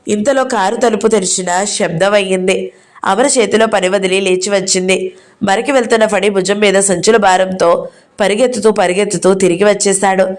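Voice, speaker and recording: A woman reading a novel aloud as narrator, with a steady storytelling delivery. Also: medium pitch, moderate pace.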